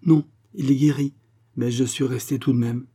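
A man's voice: mid-range voice, normal speed, husky, voice pushed up, close to an everyday voice. A man reading an audiobook, voicing a cheerful, talkative young former clerk. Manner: lively and wordy.

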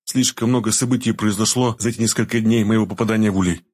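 A male audiobook narrator with a fairly low voice who reads a first-person story evenly and steadily. His delivery stays measured. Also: fairly even intonation, a little mellow, dry recording.

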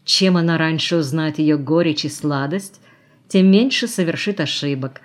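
A woman's voice: sits low, moderate pace, natural voice. A woman voicing a cynical, worldly society woman who teases and coaxes, in an audiobook. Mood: mocking. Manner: teasing, mocking, coaxing. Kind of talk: audiobook character reading.

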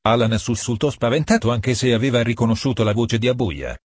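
A man reading a novel aloud, calm and measured, partly in the first person. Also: mid-range voice, breathy edge, dry recording, clean studio sound. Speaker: audiobook reader.

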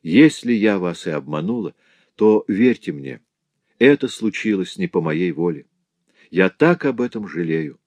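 A man reading aloud and voicing a meek young girl who speaks softly and humbly, in a dry recording. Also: deep voice, lively intonation, a little slow, no room sound. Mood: humble.

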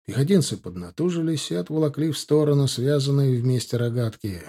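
A man narrates an audiobook in an even, measured way. His voice is mellow and dark, at a middle pitch.

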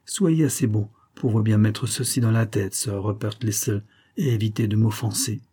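A man's voice: lowish voice, normal speed, mellow, slightly rough. A male reader voicing a cold, scheming middle-aged major in an audiobook, menacing but controlled. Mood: coolly menacing. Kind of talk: audiobook character reading.

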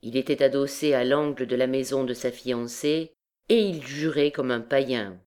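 A woman narrating a classic novel audiobook in a steady, measured reading. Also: extremely low pitch.

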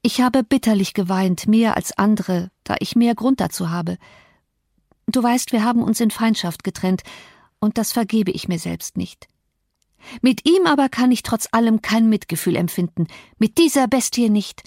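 A woman reading an audiobook, voicing a distraught, battered young woman who speaks in a breathless, agitated and higher-pitched way. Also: expressive, normal speed, darkish tone, no room sound, clean studio sound. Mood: bitter agitated.

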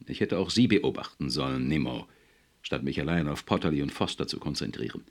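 A stern male official with a cool, probing way of speaking, read by a man. The voice sits very low and gravelly, and it moves widely in pitch as he lectures. It comes across as a calm, controlled audiobook character. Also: brisk. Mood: lecturing.

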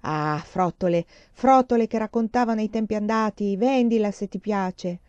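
A woman voicing a dismissive older landowner in a slow, scoffing manner. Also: medium pitch, darkish tone, no echo, highs cut off, lightly acted.

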